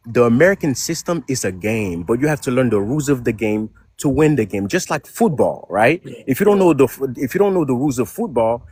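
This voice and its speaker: A man's voice: medium pitch, darkish tone, slightly rough, no echo. A man calling in to a stream and talking in an earnest, insistent way. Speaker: caller. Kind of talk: casual call-in talk.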